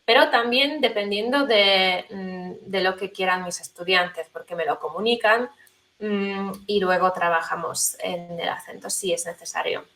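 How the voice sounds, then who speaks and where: A woman of middle pitch answers interview questions as a guest. She is a language teacher. She speaks thoughtfully and pauses often, filling the gaps with small hesitations. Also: bright, forceful tone. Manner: thoughtful, hesitant, many fillers. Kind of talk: conversational interview.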